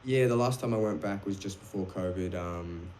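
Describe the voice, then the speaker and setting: A young man with an Australian accent and a low voice talks casually as a guest. He rambles, restarts his sentences and says um often. Faint hiss sits behind him on an online call. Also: normal speed, darkish tone. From Wales. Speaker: music producer guest. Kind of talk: casual chat.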